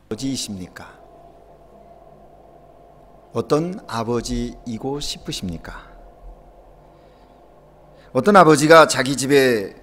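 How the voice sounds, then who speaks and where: A male pastor giving a Sunday sermon, telling anecdotes with quoted dialogue, rising for emphasis and then dropping soft. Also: mid-range voice. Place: church sanctuary.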